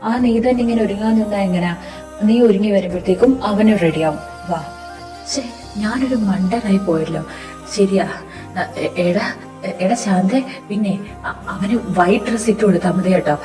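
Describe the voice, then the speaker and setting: A woman's voice: normal speed, long pauses, recorded from a distance, music in the background, close to an everyday voice. A woman voicing a young man who grieves his friend and turns bitter and vengeful, in a fan audio drama. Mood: distraught. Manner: bitter, low-spoken, vengeful.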